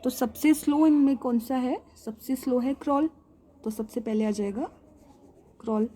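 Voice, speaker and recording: A woman with an Indian English accent teaching a children's English lesson, patiently asking and answering her own questions and repeating words slowly. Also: high voice, warm tone, slight background noise. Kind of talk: explaining a primary English lesson.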